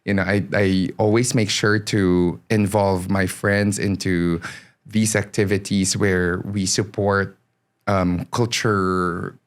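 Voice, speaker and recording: Low-voiced guy from the philippines chatting on a podcast, laughs a lot, lots of um and like. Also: little pitch movement, slow pace. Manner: chatty, laughs often, many fillers and restarts. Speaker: podcast guest, singer-songwriter. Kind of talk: casual interview chat.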